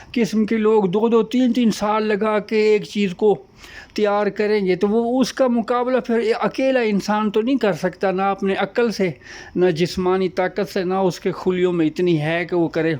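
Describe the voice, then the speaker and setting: High-voiced man musing in rambling lists. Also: fairly even intonation, darkish tone. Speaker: host. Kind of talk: casual monologue.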